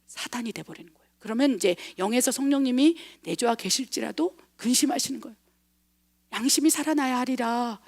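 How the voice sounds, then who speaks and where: High-voiced woman preaching emphatically. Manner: emphatic preaching with frequent rhetorical questions; swings between loud stresses and hushed, near-whispered asides. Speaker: missionary pastor. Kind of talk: sermon.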